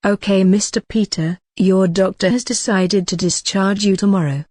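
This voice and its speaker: A woman playing a reassuring ward nurse in a scripted role-play, speaking gently, calmly and rather formally. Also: mid-range voice, moderate pace, no echo, close to an everyday voice. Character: reassuring female ward nurse counselling a patient. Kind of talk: scripted role-play dialogue for exam practice.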